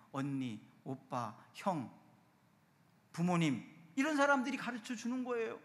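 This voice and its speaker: 설교하는 남자 목사, 밝고 날카로운 톤, 강조할 때 크게 치고 올라감. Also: male voice, fairly high pitch. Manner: emphatic preaching with sudden loud rises. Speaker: pastor. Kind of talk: sermon. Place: church sanctuary. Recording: long church hall reverb.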